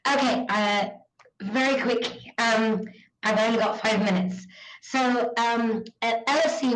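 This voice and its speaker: Female academic presenter, hoarse and croaky frog voice from a cold, informal online talk, roomy sound. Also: medium pitch. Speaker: university academic giving a panel presentation. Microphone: video call. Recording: roomy, echoey video call audio.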